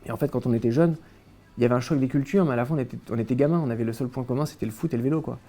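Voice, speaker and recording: Young man from France, interview guest, gravelly, mellow tone, hesitant. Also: mid-range voice, racing. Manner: hesitant, many restarts and fillers. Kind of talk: casual interview, recounting his childhood.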